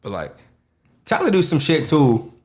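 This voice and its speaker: A young man co-hosting a podcast in casual chat, animated and joking, quick to laugh. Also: on the high side. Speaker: podcast co-host.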